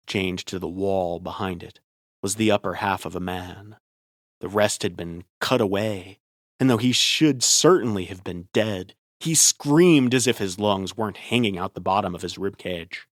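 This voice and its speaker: Low-voiced man narrating a horror story. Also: dry recording, studio quality. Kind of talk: scripted first-person horror narration.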